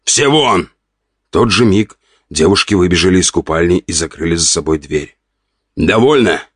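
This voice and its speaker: Brief: low-voiced male narrator, plain steady storytelling, dry close mic. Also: fairly quick, husky, no room sound. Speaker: audiobook narrator. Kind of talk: scripted narration.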